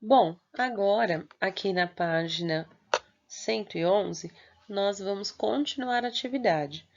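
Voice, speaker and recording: A woman teacher with a Brazilian Portuguese accent explains a worksheet at a patient, deliberate pace. Her voice sits in a middle pitch, and she slows right down to stretch out syllables. The recording is dull and lo-fi. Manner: patient, spells out syllables slowly, frequent checking tags.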